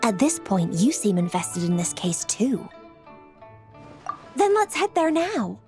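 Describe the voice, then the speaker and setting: A woman's voice: mid-range voice, very animated, slow pace, darkish tone, faint music behind. An actress playing a businesslike female investigator in a video game, formal and articulate. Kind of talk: voiced game dialogue.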